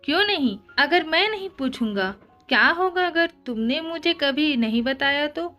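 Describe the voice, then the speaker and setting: A woman's voice: fairly high pitch, normal speed, a bit bright, faint music behind, lightly acted. A woman voicing a teasing, domineering young nobleman who talks in a playful, smug, coaxing way.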